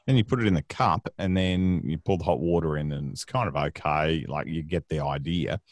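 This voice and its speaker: Australian man, Queensland accent, low pitch, close dry sound, droll casual chat. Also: fairly quick, no room sound. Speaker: guest.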